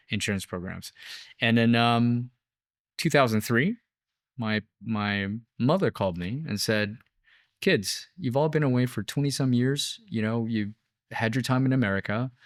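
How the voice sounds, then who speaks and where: Low-voiced man explaining in an interview. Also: dry recording, studio quality. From Taiwan. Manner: explanatory, many fillers and tag questions. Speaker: guest, biotech founder. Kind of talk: conversational interview answers.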